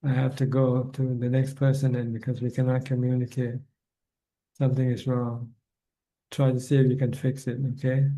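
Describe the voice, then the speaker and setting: On a video call for an online dharma Q&A, a Buddhist teacher answers questions plainly, often repeating words while searching for phrasing. His mid-range voice has a dark tone, and the recording is rough.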